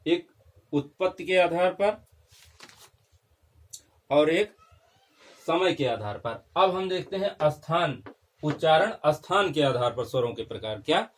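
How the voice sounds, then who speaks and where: A young man teaching a Hindi grammar lesson, repeating key terms and checking in with his class. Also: fairly high pitch.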